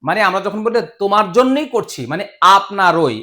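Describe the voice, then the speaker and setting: A man teaching Quran pronunciation step by step, patiently drilling each syllable again and again with drawn-out sounds. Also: sits high, lively intonation, sharp tone. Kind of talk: slow step-by-step pronunciation lesson.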